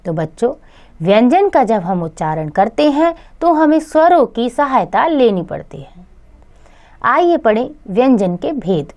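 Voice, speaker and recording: Woman, children's lesson narration, slow, animated pitch, careful. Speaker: teacher.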